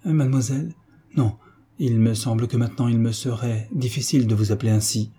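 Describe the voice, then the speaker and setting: A man's voice: mid-range voice, steady tone, fairly quick, mellow, husky. A man reading an audiobook voices a timid young orphan heiress, hesitant and earnest, in a raised voice.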